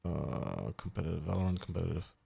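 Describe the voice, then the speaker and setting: A man casually chatting on a live stream, reading and answering chat in a relaxed, mumbling way that trails off. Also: low voice, fast talker, gravelly, slightly rough, faint music behind.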